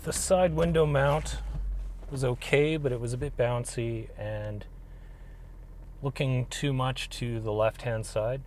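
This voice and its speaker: A man's voice: medium pitch, steady tone, takes it slowly, darkish tone. A man thinking aloud in a casual vlog narration, recorded inside a moving car. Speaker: vlogger. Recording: clear road and car noise.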